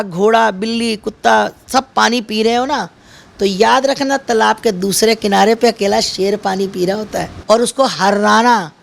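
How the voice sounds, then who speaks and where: A woman's voice: a little high, gravelly. A woman giving an impassioned interview, speaking in a fiery, emphatic way with repeated slogans.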